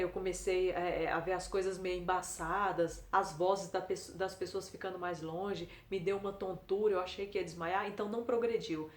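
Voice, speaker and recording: Middle-aged woman, personal testimony, hesitant restarts, echoey room. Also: medium pitch. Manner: halting, hesitant, many restarts. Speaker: testimony speaker. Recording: roomy echo.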